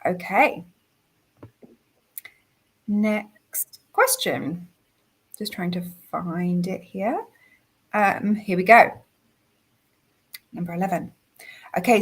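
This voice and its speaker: A woman's voice: mid-range voice, slightly rough. A woman hosting a live online quiz, upbeat, reading out and greeting viewer comments while losing her voice. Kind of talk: casual live-stream chat.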